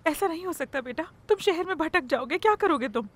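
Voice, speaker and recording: A woman's voice: very high-pitched, animated, quick pace. A woman voicing an anguished mother who pleads and weeps for her son in a film dub. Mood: tearful pleading. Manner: tearful, pleading. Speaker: dubbing voice actor. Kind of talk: Urdu film dub acting.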